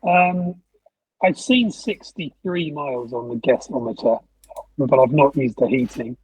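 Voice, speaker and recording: A man's voice: mid-range voice, measured pace, darkish tone, slight background noise. A man chatting casually on a podcast, stumbling and restarting as he goes. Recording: muffled, distant from the mic.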